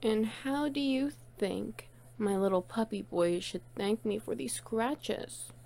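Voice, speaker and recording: This woman's voice is a little high, gravelly, and a bit mellow, and she speaks slowly. She plays a playful, bossy friend in an intimate one-sided audio role-play, affectionately teasing, coaxing, and cooing praise at the listener.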